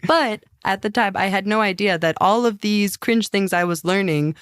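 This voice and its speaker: A young American woman, a singer and language learner, chats casually and upbeat as a podcast guest, using lots of "like." Her mid-range voice is clear and resonant at a moderate pace, in a dry, studio-quality recording.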